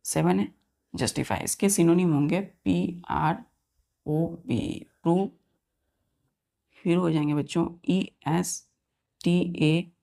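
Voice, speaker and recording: A woman teaching a vocabulary lesson, spelling words out letter by letter and often asking the students if it is clear. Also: on the low side, warm tone.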